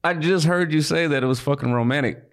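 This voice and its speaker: A man in casual chat, blunt and quick to argue back. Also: on the high side. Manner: blunt, quick, argumentative banter.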